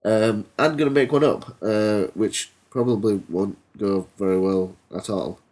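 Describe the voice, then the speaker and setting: On his homemade comedy podcast, a teen boy with a cold rambles through an absurd story and casual chat, hesitating with plenty of ums. His voice is on the low side, darkish, and unhurried.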